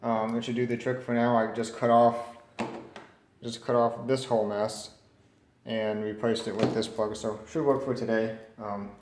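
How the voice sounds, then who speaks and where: Speaking at normal speed in a level, mid-range voice, a man who repairs radios as a hobby narrates his work casually, tentative and musing as he goes. Faint background noise and a roomy echo are audible.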